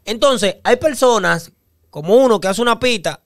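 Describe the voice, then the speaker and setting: A man's voice: sits high, lively intonation, normal speed, a bit bright, no room sound, clean studio sound. A man co-hosting a casual music reaction podcast, explaining song structure with analogies and humming melodies.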